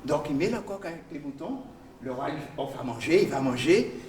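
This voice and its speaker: A man, telling a folk tale live with call-and-response, animated and chanting, teasing his listeners. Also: fairly high pitch, brisk. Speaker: storyteller. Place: large museum hall. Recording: echoey hall from far off.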